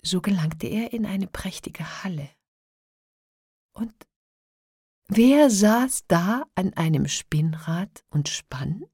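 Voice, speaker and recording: Woman reading a fairy tale slow and soft, half whispered, dry close sound. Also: mid-range voice, lively intonation, husky, no echo. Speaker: storyteller.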